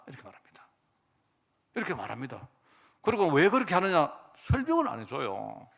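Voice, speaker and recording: A man preaching a sermon, telling the story with lively acted-out voices and rhetorical questions. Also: a little high. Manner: animated storytelling, acts out characters, rhetorical questions. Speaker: pastor.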